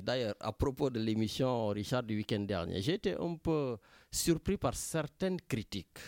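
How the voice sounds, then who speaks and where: A man with a Senegalese French accent, hosting a radio talk show in a casual, animated way, often repeating himself and talking to a co-host. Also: mid-range voice, no room sound, studio quality. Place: Marseille.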